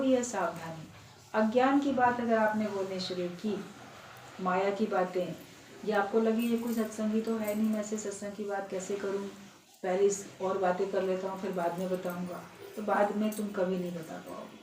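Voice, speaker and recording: A woman's voice: mid-range voice, a little mellow, a little hiss or hum. A woman giving a spiritual discourse, telling a parable in an earnest, instructive way. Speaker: spiritual speaker. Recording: roomy sound, distant mic, faint ambience.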